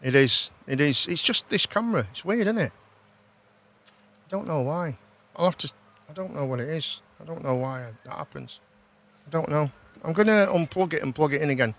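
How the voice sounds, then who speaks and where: A British man with a slightly high voice hosts a casual livestream. He talks informally, circles back over his own phrases and often tacks a question onto the end. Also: animated, a little fast, fairly bright tone. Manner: informal, repeats himself, ends on tag questions. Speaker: host.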